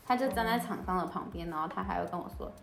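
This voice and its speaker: A woman's voice: lowish voice, rapid-fire, gravelly, reverberant, background noise. A woman co-hosting a casual podcast chat, dropping teasing quips and laughing, recorded on a phone. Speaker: podcast co-host.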